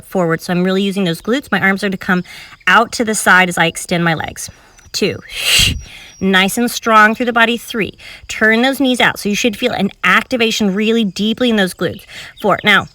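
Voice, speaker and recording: Breathless, bright female fitness instructor. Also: medium pitch, no room sound, far from the mic. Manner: encouraging, counts reps aloud while moving. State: slightly out of breath. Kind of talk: cueing a home cardio workout while exercising. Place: filmed outdoors in public.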